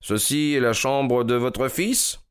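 A man voicing a composed, sharp-minded detective in a storybook reading, slightly higher than his own voice. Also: clean tone, natural voice. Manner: cool, measured, clipped.

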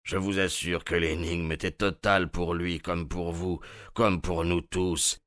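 A man voicing a grieving, restrained middle-aged colonel in an audiobook, speaking low and halting. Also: level tone, fairly bright tone, no echo, studio quality. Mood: subdued.

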